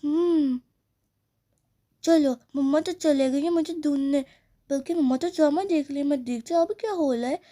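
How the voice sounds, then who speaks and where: A woman's voice: sits high, normal speed, mellow, close to an everyday voice. A woman voicing a sneaky tattletale girl doll who schemes and talks asides to herself, in a doll play story. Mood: scheming.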